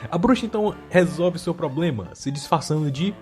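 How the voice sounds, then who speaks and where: A man's voice: a little high, animated, fairly quick, darkish tone, soft background music. Brazilian man giving wry, casual commentary. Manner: rambling, wry asides. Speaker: video essay host.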